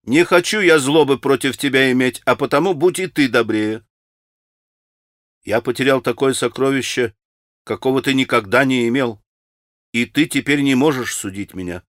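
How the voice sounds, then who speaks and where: A male audiobook reader plays a gentle young man who speaks quietly but firmly. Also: medium pitch, normal speed, no echo, clean studio sound, close to an everyday voice. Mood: earnest.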